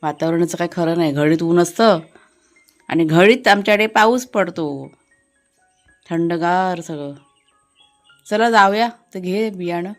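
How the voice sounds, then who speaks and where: A woman from Maharashtra in casual vlog narration, chatty and explanatory as she speaks to viewers from an outdoor garden, now and then calling loudly to her dogs. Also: lowish voice, unhurried, long pauses, no echo, faint music behind. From Maharashtra, India. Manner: calls out loudly to her dogs between remarks. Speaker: family vlogger.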